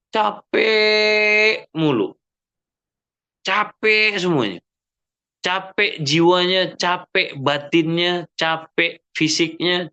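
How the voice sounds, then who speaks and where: A man giving an Islamic sermon in a mosque, lively and full of rhetorical questions, often checking with the audience. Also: on the high side. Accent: Indonesian. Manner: frequent "ya kan?" checks with the audience. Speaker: preacher.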